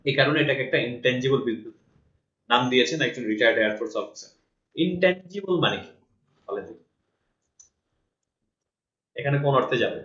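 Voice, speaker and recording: A man's voice: mid-range voice, brisk, long pauses, a bit bright. A man with a Bangladeshi accent teaching an online English class, patiently correcting a student's reading and explaining in Bengali. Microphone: online call. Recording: roomy, dull online call audio.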